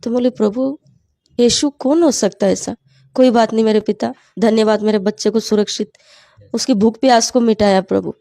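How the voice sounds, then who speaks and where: A woman's voice: fairly high pitch, fairly even intonation, moderate pace, gravelly, warm tone, no echo, studio quality. A woman giving an earnest personal faith testimony, telling her story with quoted prayers. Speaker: testimony speaker.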